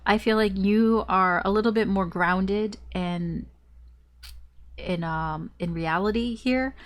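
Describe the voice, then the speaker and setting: A woman's voice: medium pitch, slow. A woman giving a casual, rambling tarot reading, her voice stuffed up and nasal as if pinching her nose. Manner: rambling, repetitive, circling back over phrases. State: congested with a blocked nose. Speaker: tarot reader.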